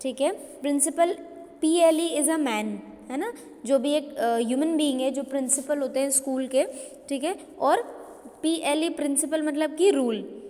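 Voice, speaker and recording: A woman's voice: sits high, mellow, in a large hall. A woman school teacher with an Indian accent lecturing a class, mixing Hindi and English and checking often that students understand. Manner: explains Hindi and English mixed, slow when dictating examples.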